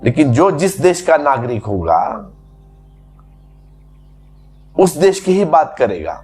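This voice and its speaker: A man's voice: a little high, very animated, takes it slowly, a little mellow, soft background music. A man giving a spiritual discourse as a teacher, explaining patiently through repeated everyday examples.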